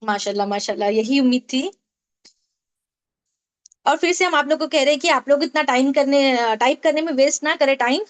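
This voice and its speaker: A woman's voice: high voice, long pauses. A woman teaching a Tajweed class online, explaining step by step, asking the class questions and repeating key points. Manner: explains with questions and repetition, mixes English terms. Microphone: online meeting call.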